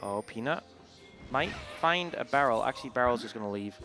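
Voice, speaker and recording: A man's voice: medium pitch, expressive, brisk, sharp tone, faint music behind. A young British man casting a live esports match, joking and laughing through the play-by-play. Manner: playful banter, laughs often. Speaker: esports caster.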